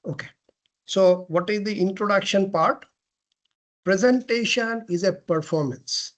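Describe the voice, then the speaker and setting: A man giving a classroom lecture on presentation skills, asking questions and answering them himself, often clearing his throat and restarting phrases. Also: sits high, measured pace. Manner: frequent throat clearing and self-corrections.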